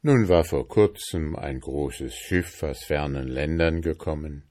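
A man reading a fairy tale aloud as narrator, in an unhurried storytelling manner. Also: rumbling low, warm tone.

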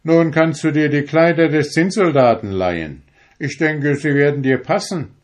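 A man's voice: a little high, normal speed, pitched above the performer's own voice, lightly acted. A man voicing a kindly, magical Sandman in a storybook reading, in a friendly, reassuring voice.

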